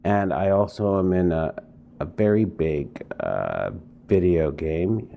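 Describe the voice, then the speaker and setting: A man's voice: deep voice, lively intonation, slow pace, vocal fry, muffled recording, slight background noise. A man, an actor, chatting in an interview, rambling with many fillers and restarts. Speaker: actor guest. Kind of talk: casual interview chat.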